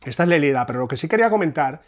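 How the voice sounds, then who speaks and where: A man from talks through poetic meter, pausing and restarting as he thinks. His voice sits a bit higher than most men's. It sounds like an unscripted explanation from a translation reviewer. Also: lively intonation. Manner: thoughtful, hesitant, often restarts phrases.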